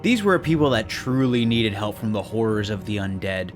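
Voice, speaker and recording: A man's voice: fairly low pitch, moderate pace. A man narrating a game video in a scripted, dry and sarcastic way. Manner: dry, sarcastic, mock-suspicious. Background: faint background music.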